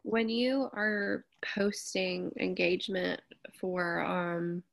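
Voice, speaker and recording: Woman on a video call, slow pace, gravelly voice, dry sound, hesitant and halting. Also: on the low side, no room sound. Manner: hesitant, halting, restarts often. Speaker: team member asking a question. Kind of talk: casual question on a call.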